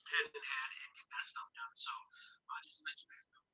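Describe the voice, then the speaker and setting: A man chatting on a local talk show whose audio has turned tinny and metallic, as if it is squeezed through a tin can. His voice is husky and breathy, at an ordinary middle pitch. He rambles along with lots of ums and restarts. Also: huge pitch swings, fairly quick, pushed and bright, in a whisper. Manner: rambling, with many fillers and restarts. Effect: tinny, metallic, garbled audio like a tin can. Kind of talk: casual chat.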